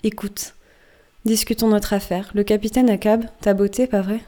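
A woman reading an audiobook and voicing a hairy, hunchbacked old male merman who mumbles and repeats himself slowly. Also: mid-range voice, fairly even intonation, warm tone, lightly acted. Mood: mocking.

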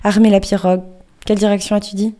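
A woman's voice: medium pitch, little pitch movement, fast, dark tone, natural voice. Ahab, a woman reading a grim old captain. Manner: curt, commanding. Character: obsessed, commanding old male whaling captain.

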